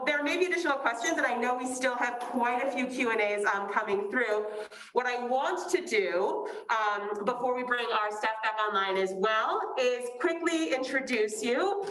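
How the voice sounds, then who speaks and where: A woman's voice: fairly high pitch, normal speed, a bit bright. A woman hosting a virtual open house for a school, talking with fillers and introducing students. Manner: friendly, hesitant with fillers. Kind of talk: hosting a webinar. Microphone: video call. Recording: echoey room, faint noise.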